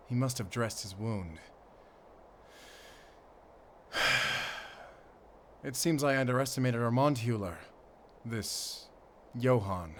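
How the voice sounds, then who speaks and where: A male actor with a medium-pitched voice, slightly acted, voices a mysterious and confident monster hunter with a German accent in a gothic horror audio roleplay. He speaks measuredly to a companion, first urgent and focused, then concerned. A faint hiss or hum sits under the recording.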